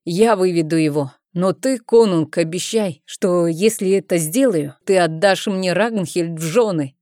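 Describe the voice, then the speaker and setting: A woman voicing a bold low-born young man who speaks loudly and defiantly. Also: measured pace, dry recording, clean studio sound, natural voice. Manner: loud, defiant.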